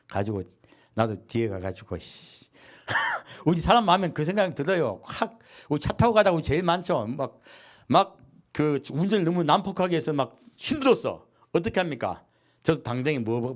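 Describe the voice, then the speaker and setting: A man's voice: mid-range voice, moderate pace. A man preaching a sermon as pastor, asking his congregation questions and answering them himself. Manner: lively preaching with call-and-response questions and acted quotes.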